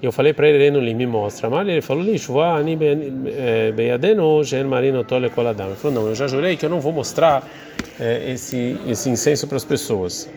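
In this clip a man with a mid-range, gravelly, darkish voice teaches Talmud at a brisk pace. He reads Hebrew phrases aloud and then explains each one, hesitating now and then, as he reads and translates the text.

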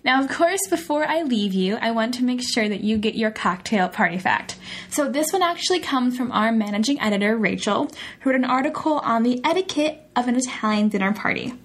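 Breathy woman teaching Italian phrases. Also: a little high, expressive. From United States. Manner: repeats Italian phrases slowly and clearly, chatty asides. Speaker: podcast host and Italian teacher. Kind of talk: podcast language lesson.

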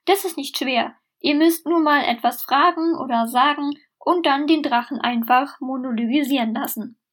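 A woman's voice: high-pitched, moderate pace, close to an everyday voice. A woman doing a sweet, sly sheep. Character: sly friendly sheep, cheerful and cunning.

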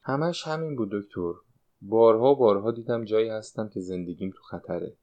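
Guy reading an anxious old lady, a retired dancer, low voice, telling her dreams in an audiobook. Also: mellow, highs cut off, lightly acted. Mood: confiding. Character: anxious 69-year-old woman, former stage dancer.

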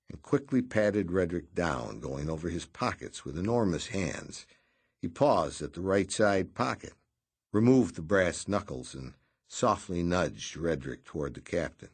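Deep, husky man reading a novel. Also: darkish tone. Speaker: audiobook narrator. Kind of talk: scripted narration.

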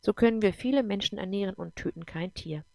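Brief: patient explaining man, read by a woman, gravelly, dry close sound. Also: mid-range voice, quick pace, dark tone, dry recording, lightly acted. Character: calm adult man explaining his world.

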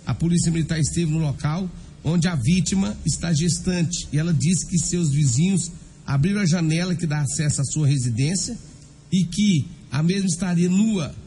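A man's voice: a little high, normal speed, dark tone, a little hiss or hum. A Brazilian man hosting a radio news programme, reading news and live ads in a colloquial, chatty way that addresses listeners directly. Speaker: radio crime-news host. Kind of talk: informal news commentary and live-read advertising. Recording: music bed under the voice. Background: background music.

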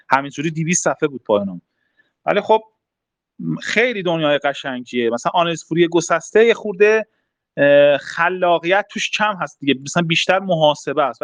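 Speaking with a fairly high, fairly bright voice and no room sound, a young math talk host walks an online group through the problem step by step, casual and full of fillers.

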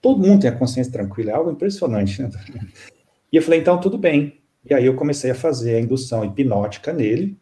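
Brief: man, spiritist counselor, calm halting storyteller, warm mellow tone. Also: mid-range voice. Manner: calm, halting, many fillers. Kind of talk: storytelling in an interview.

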